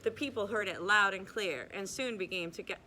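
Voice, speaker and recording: A young woman reads a rhyming children's book in a bright, clear, medium-pitched voice at a brisk pace, keeping a steady, bouncing rhythm. She occasionally restarts a word she stumbles on, and a faint hiss runs under the recording.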